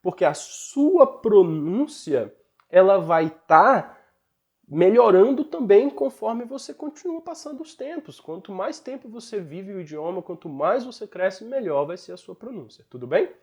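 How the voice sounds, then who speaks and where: A man's voice: high voice, expressive, a little slow, darkish tone. A man with a Brazilian Portuguese accent teaches an online English lesson in an encouraging, explanatory way.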